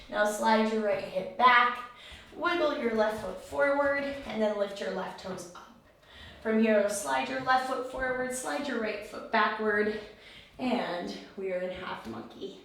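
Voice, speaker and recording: A woman teaching a yoga class, giving step-by-step pose instructions in a calm, soothing, encouraging way. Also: on the high side, a little slow. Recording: very echoey room, far mic, faint noise.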